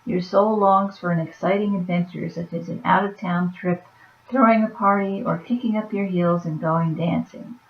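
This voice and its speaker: A soft-spoken woman reads oracle cards aloud at a moderate pace, her low, faint voice fading as she adds offhand asides. Her intonation stays fairly even, and the lo-fi recording sounds roomy and dull.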